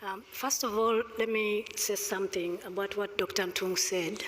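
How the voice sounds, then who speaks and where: A middle-aged panelist with a Rwandan accent argues emphatically and deliberately, posing pointed rhetorical questions. Her mid-range voice keeps a fairly even intonation as she talks into a gooseneck table mic on stage, with the reverberant sound of a large indoor conference hall around her.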